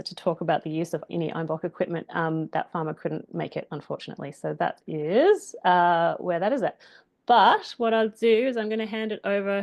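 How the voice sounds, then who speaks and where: A woman hosting a webinar on a video call, introducing speakers in a relaxed way with many fillers. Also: lowish voice. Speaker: webinar host.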